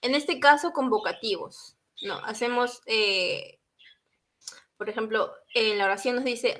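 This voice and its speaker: A woman's voice: fairly high pitch, background noise. A young woman from Peru, a university student giving a class presentation in an explanatory way, often adding a short tag question.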